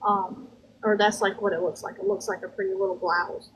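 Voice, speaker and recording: A woman with a Southern US drawl giving a conversational spirit reading in a folksy, halting way, often circling back over her words. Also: medium pitch, level tone, a little hiss or hum, low-quality recording.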